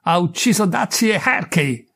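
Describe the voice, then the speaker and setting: A man's voice: a little high, very animated, moderate pace, creaky, exaggerated voice. Man doing a grim stubborn husband. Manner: harsh and stubborn.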